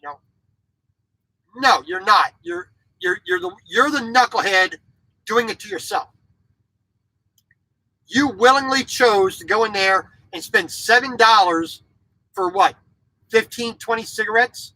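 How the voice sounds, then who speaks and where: Very high-voiced and gravelly, a trucker in his forties speaks a little slowly but animatedly, his tone pushed and bright, with long pauses. The recording from his small sleeper cab is dry and rough. A former military kid raised in Japan, he vlogs bluntly and opinionatedly, with frequent restarts and repeated words.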